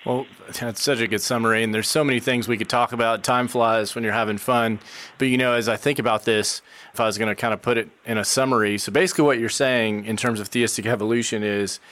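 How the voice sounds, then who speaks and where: Guy hosting, talks fast, earnest and upbeat. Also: mid-range voice, fairly even intonation, a bit bright. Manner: earnest, encouraging, speaks to parents. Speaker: host. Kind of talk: interview conversation.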